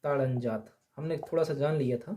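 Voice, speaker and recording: A man teaching grammar in a steady lesson, asking the class questions and answering them himself, repeating the key points. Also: medium pitch, normal speed. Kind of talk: slow blackboard lesson.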